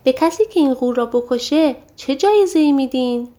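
A woman voicing a brave, clever young male giant-slayer who shouts boldly and eagerly in a storybook reading. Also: high-pitched, lively intonation, pitched above the performer's own voice.

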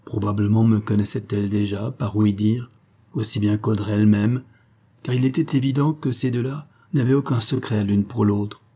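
A man narrates a literary novel in a calm, measured first-person reading. His voice sits fairly low and dark, with a husky grain. The delivery is reflective and unhurried. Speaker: audiobook narrator.

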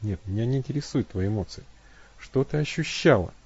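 A man voicing a gruff, impatient man who barks demands loudly in an audiobook. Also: medium pitch, lively intonation, fairly quick, dull audio. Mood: calmer.

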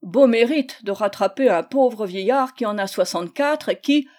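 A woman's voice: fairly high pitch, lively intonation, moderate pace, a little mellow, close to an everyday voice. A woman reading the part of a grumbling, put-upon old man of sixty-four in a storybook reading. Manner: complaining, pleading.

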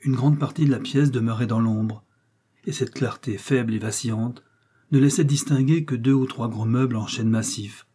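A man giving a measured, scripted reading of a nineteenth-century short story. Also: medium pitch, fairly even intonation, mellow, slightly rough. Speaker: audiobook reader.

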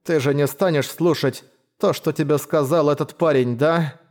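A man voicing a frail bedridden young man who is clingy and possessive, hoarse and muffled. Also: fairly high pitch, steady tone, moderate pace, darkish tone, close to an everyday voice.

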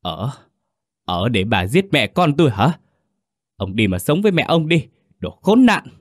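A man's voice: on the low side, normal speed, darkish tone, no room sound, studio quality, natural voice. A man voicing a troubled middle-aged village uncle who stammers and pleads. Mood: furious.

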